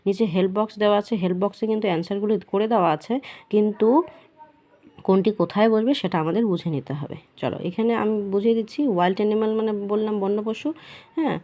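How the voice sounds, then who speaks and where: A woman teacher, explaining a children's workbook lesson patiently and repeating the answers slowly. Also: mid-range voice, a little mellow.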